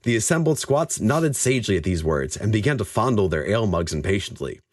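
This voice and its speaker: A man co-hosting a podcast, reading a story aloud and chatting casually, animated and jokey. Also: on the low side, fairly quick, dry recording, studio quality. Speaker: podcast co-host and story reader.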